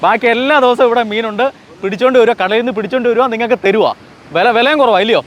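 Fast, high-voiced man presenting outdoors. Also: a bit bright, highs cut off. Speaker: vlog host. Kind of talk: enthusiastic on-location presenting to viewers. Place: outdoors on a beach by the sea. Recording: noisy outdoor location with rumble.

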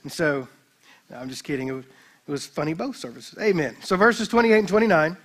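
A man pastor preaching a sermon at a church service, telling a scripture story with lively humor and playful asides to the congregation. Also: fairly high pitch, a little fast.

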